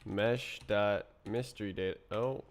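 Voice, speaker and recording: A man's voice: on the low side, fairly even intonation, measured pace. A man with a sick-sounding voice thinking aloud as he writes code on a stream, muttering half-finished thoughts to himself. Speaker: programmer streaming his coding. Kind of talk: thinking aloud while live coding.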